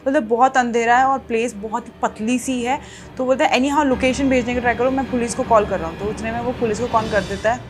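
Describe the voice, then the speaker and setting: A young woman casually reading out a creepy text story and reacting to it, animated and mixing English phrases into her talk. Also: on the high side, fast. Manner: animated, mixes English into chat, reacts with gasps and laughs. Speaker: YouTuber reading creepy texts. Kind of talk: casual storytelling read-aloud.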